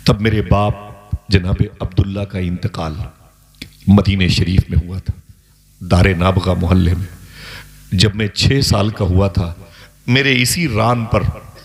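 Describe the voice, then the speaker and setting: A man preaching an emotional sermon, telling a story and voicing its dialogue dramatically while addressing the audience and scholars directly. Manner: dramatic, voices quoted dialogue with rising pitch. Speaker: Islamic preacher.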